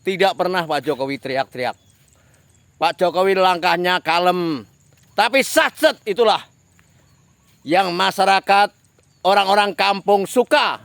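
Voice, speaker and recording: Man, political commentary monologue, talking slowly with heavy repetition, dry and close. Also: sits high, vocal fry, fairly bright tone, no room sound. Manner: addresses a politician directly, repetitive emphatic phrasing.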